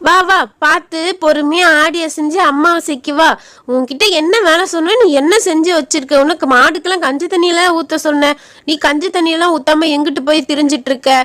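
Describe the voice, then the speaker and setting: A woman's voice: sits high, steady tone, fairly quick, fairly bright tone, no room sound. A woman voicing a nagging old village granny. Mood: scolding. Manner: nagging, grumbling, scolding. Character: scolding old village grandmother. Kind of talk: doll-play skit acting.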